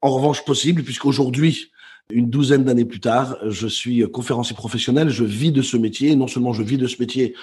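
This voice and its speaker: Husky-voiced Belgian man telling his story. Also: medium pitch, fairly quick. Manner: animated storyteller with frequent hesitations. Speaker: guest speaker. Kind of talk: podcast interview. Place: remote call from home.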